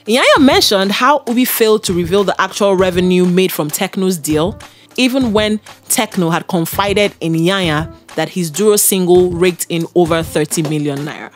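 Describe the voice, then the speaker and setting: A woman's voice: lowish voice, moderate pace. A woman presenting scripted celebrity gossip news, opinionated with conversational asides. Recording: music bed underneath.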